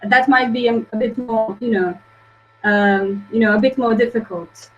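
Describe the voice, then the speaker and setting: Hesitant woman, higher voice. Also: steady tone, moderate pace, highs cut off. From Croatia. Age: young adult. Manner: hesitant, filler-heavy, many restarts. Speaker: guest speaker. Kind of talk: webinar presentation.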